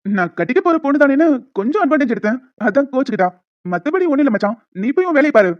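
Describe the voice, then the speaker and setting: A woman's voice: high voice, big pitch swings, racing, no room sound. A woman voicing a smug, scheming young man who taunts and teases in a cartoon. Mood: evasive. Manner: taunting, teasing. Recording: dull lo-fi with music behind.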